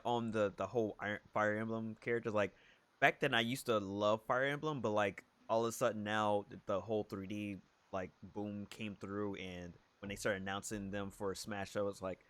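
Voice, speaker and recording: Low bright-toned laid-back gamer man. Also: steady tone, moderate pace. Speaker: podcast panelist. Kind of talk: casual gaming podcast banter.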